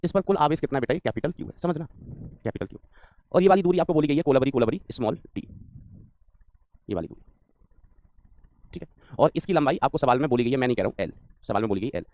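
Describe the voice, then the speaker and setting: A man's voice: medium pitch, expressive, fast, long pauses, a little mellow, dry recording. A man teaching a physics lesson online, scolding and teasing his students, often repeating his phrases.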